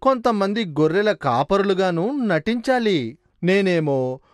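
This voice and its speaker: A man's voice: high-pitched, animated, unhurried, dry recording, studio quality. A man voicing an eager young cowherd friend in a cartoon. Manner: eager, exclaiming.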